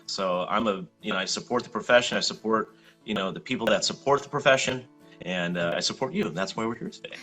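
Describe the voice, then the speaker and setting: Laid-back middle-aged guy from hawaii, bright voice, rambles with lots of ums, faint music behind. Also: fairly low pitch, fast talker, poor audio. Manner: easygoing, rambling with many fillers. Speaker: chiropractor guest. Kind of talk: casual interview chat.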